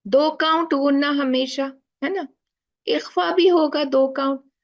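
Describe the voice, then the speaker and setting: A woman's voice: high voice, steady tone, unhurried, dull audio. A woman teacher explaining recitation rules in a class, asking questions and drawing out letter sounds. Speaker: tajweed teacher.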